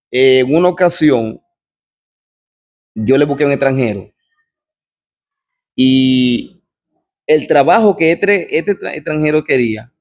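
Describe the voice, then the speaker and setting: Husky Dominican man telling his testimony. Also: mid-range voice, a little mellow. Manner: repetitive storyteller, keeps asking "what happens?". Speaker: guest giving a testimony. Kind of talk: personal testimony storytelling.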